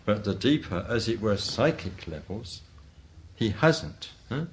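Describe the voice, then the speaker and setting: A man lecturing as a Buddhist teacher in a deliberate, professorial manner, with formal phrasing, many qualifications and questioning hums between points. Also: fairly low pitch, lively intonation, slight background noise. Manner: measured, donnish professorial phrasing with formal "one" and frequent qualifications; deliberate, often punctuated with questioning "hmm" and "eh". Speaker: Buddhist teacher giving a talk. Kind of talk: lecture, expository religious talk.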